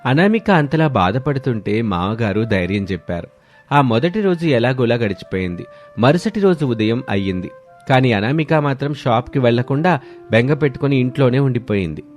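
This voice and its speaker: A man narrating a cartoon story in steady, scripted storytelling. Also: medium pitch, brisk, faint music behind.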